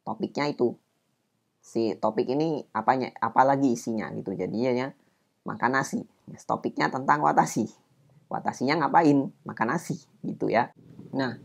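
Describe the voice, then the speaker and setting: A man teaching a Japanese grammar lesson in a casual explaining tone, reading example sentences aloud slowly. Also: medium pitch.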